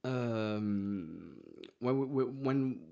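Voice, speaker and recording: A man giving an unscripted motivational talk as a martial arts podcast host, haltingly repeating words as he searches for phrasing. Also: medium pitch, expressive, creaky, dark tone.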